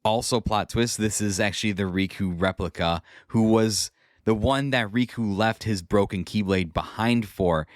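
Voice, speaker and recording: A man's voice: on the low side, moderate pace, no room sound, studio quality. A man hosting a podcast, narrating a scripted recap of a game story with casual asides. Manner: conversational asides in a scripted read. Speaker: podcast host.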